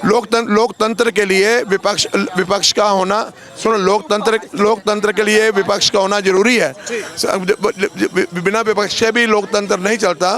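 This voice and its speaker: A man in a street interview who talks haltingly, repeating words and restarting. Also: sits high, steady tone, fairly bright tone.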